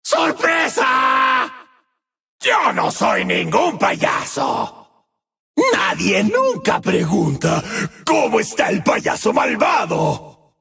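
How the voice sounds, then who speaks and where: A gleefully murderous demon clown from a video game with a Latin American Spanish accent. His voice is gravelly and raspy, set high and bright, and he swings wildly between shrill singsong taunts and deep, drawn-out growls. Faint music plays behind him. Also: huge pitch swings, full character voice. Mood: gleeful menace. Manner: singsong taunting, manic shouts and sudden low growls.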